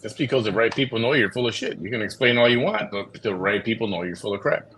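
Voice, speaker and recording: A man's voice: lowish voice, quick pace, fairly bright tone, slight background noise, low-quality recording. A man hosting a livestream, making dry sarcastic quips in casual chat. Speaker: host of a livestream.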